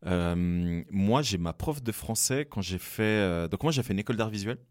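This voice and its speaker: A young man hosting a casual chat, telling stories in an animated way and mimicking English words. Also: on the low side, moderate pace, dry recording. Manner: animated storytelling with laughs and imitated English. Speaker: host.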